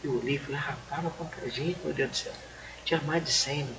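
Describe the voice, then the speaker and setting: A Brazilian man, an evangelist, telling his testimony in casual chat as a lively storyteller who keeps saying "rapaz" and acts out the dialogue. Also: fairly high pitch, brisk. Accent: Brazilian Portuguese. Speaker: evangelist guest on a church podcast. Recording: clear background noise.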